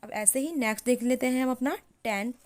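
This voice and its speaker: A woman teaching English in a chatty lesson, spelling words slowly letter by letter and repeating herself often. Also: sits high. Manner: repeats words and keeps saying "theek hai". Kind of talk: chatty classroom-style lesson.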